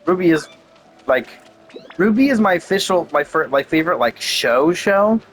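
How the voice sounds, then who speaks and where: A man casually rambling and thinking out loud as he plays a video game, swearing now and then. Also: on the high side, expressive, moderate pace, a little hiss or hum, low-quality recording. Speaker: gaming video creator. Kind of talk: casual gameplay commentary.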